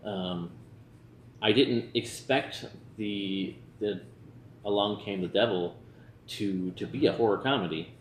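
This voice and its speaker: A man's voice: fairly low pitch, takes it slowly. A tipsy man co-hosting a casual movie review, talking in a loose, rambling way. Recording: roomy echo with background noise.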